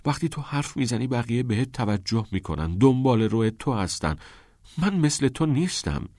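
A man's voice: mid-range voice, a little mellow, no echo, close to an everyday voice. A man voicing a shy, defensive teenage schoolboy who grows reluctant and then flares up, in an audiobook reading.

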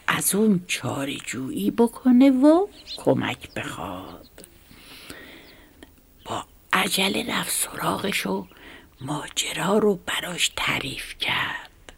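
A woman telling a children's story in a soft, hushed whisper. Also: fairly low pitch, gravelly, breathy edge.

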